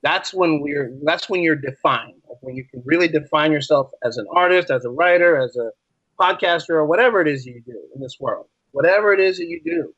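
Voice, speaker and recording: Speaking a little fast with a fairly high, somewhat bright voice and a breathy edge, this male podcast guest, a writer and teacher, shares stories in an earnest, emphatic conversational way, often repeating phrases. There's no room sound; the line is dry, slightly dull and lo-fi.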